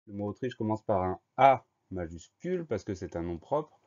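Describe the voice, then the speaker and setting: A man gives a patient dictation lesson, breaking each word into syllables and spelling it out letter by letter. His voice sits low and mellow. The recording sounds dull and lo-fi. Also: expressive. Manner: slow, methodical, spells words letter by letter. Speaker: spelling teacher.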